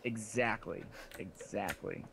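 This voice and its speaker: A man's voice: fairly low pitch, takes it slowly, vocal fry, fairly bright tone, slight background noise. A man in casual podcast banter, joking and teasing the others, with plenty of fillers and some swearing. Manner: uses fillers and profanity. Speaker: podcast co-host.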